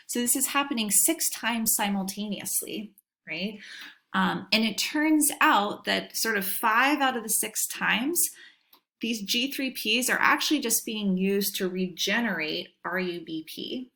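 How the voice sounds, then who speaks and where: A woman's voice: mid-range voice, a bit bright. A woman teacher narrating a screen-recorded lecture over a computer microphone, explaining step by step and checking in with "right?".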